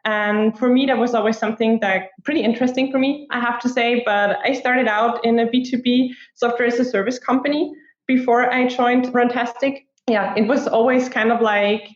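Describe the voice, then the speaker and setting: A young woman from Austria talks in a casual, chatty way, leaning on "like" as a filler. Her voice sits a bit high. The recording is roomy and somewhat muffled. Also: steady tone, moderate pace. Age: 20s. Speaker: guest, product marketer. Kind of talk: casual interview talk. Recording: echoey room, dull lo-fi sound.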